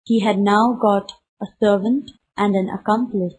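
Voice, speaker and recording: A woman, reading a textbook story aloud slowly and carefully for a class. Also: mid-range voice, fairly even intonation, darkish tone, slight background noise, poor audio. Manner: slow, careful read-aloud.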